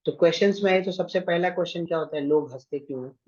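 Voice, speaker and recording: A man teaching an online exam-prep class gives directions at a racing pace, constantly checking in with his students by saying "thik hai." His voice is fairly high and a little mellow, captured in lo-fi sound.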